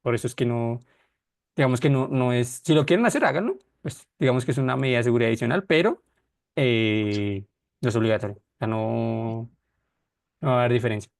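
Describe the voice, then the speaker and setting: A man's voice: mid-range voice, fairly quick. A man teaches a class over a call. He explains in loose, rambling steps, often stopping to correct or rephrase himself. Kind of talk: online class lecture.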